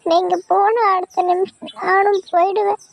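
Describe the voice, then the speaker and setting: A woman's voice: very high voice, flat delivery, normal speed, creaky. A woman voicing Madhu, a grieving young wife who cries and pleads with her husband. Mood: pleading. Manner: pleading, distraught. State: crying. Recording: dull lo-fi sound.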